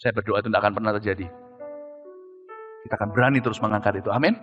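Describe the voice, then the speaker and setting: A pastor from Indonesia in his forties preaching a sermon, swinging from loud exclamations to low, hushed passages. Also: fairly even intonation, rapid-fire, narrow, tinny audio. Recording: long reverb of a large hall. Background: faint music.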